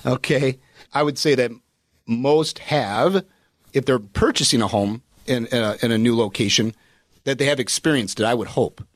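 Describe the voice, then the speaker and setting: A man's voice: medium pitch, no room sound. A man talking through retirement planning as a financial advisor, in a loose, explanatory manner full of filler words. His voice sits in the middle of the range and is recorded close and dry, with no room sound. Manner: explanatory, with many "you know" fillers. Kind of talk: casual radio chat.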